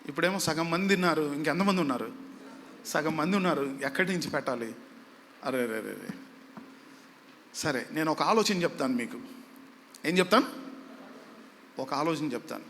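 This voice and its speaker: A man's voice: fairly high pitch, brisk, long pauses, fairly bright tone. A man pastor preaching a sermon, dramatic and repetitive, calling on the congregation to answer back. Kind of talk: Telugu sermon with call-and-response. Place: large church hall. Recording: long hall reverb, faint background noise.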